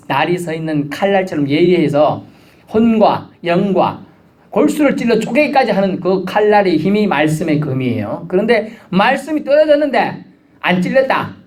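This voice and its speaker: A man's voice: high-pitched, a little mellow. A man preaching a midweek sermon, in a casual, conversational way, acting out the voices he quotes. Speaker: pastor.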